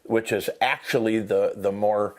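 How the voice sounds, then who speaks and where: A man's voice: lowish voice, fairly even intonation, measured pace, a little mellow. A man hosting an instructional chat about hunting, explaining things in folksy, informal wording. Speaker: host. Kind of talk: instructional chat on duck calling.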